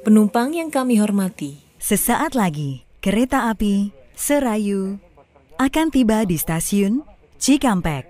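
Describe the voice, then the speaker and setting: A woman giving a formal, polite train announcement over an onboard loudspeaker, measured and evenly paced. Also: mid-range voice, sing-song, soft background music. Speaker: recorded station announcer.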